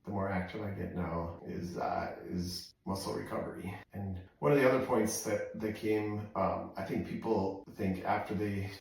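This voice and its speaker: An American man chatting casually in a halting, rambling way with lots of "you know," as he sits in ice cold water for a vlog. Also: on the low side, fairly even intonation, vocal fry, darkish tone, slight background noise. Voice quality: frequent "you know" filler, halting phrasing. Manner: talking while sitting in ice cold water. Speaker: vlogger doing a cold plunge challenge. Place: outdoor deck, in a cold plunge tub. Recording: very echoey, voice distant from mic.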